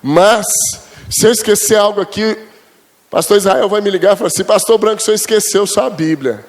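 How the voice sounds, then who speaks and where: Male pastor, high-pitched, chatty storytelling sermon with acted-out dialogue. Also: a little fast. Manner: storytelling, chatty, addresses the congregation as brothers; acts out quoted dialogue with God, rising high and loud.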